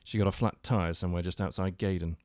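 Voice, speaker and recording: A man's voice: sits low, steady tone, quick pace, a little mellow, no room sound, studio quality. A man hosting a comedy radio show in a mock-solemn presenter manner. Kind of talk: comedy radio hosting and reading a rhyming story.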